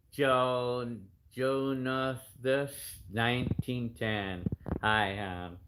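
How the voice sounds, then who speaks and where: A man in his fifties, a YouTube creator, reads out viewer comments and chats casually about them, rambling with lots of restarts and fillers. His voice is medium-pitched with drawn-out words, and the background is noisy.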